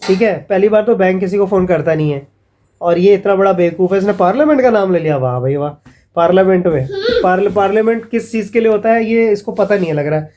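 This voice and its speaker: Mellow-voiced man, chatting. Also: sits high, fast talker. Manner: chatty, addresses viewers as friends; mocking, storytelling retelling of scam calls. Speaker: vlogger. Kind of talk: casual vlog warning viewers.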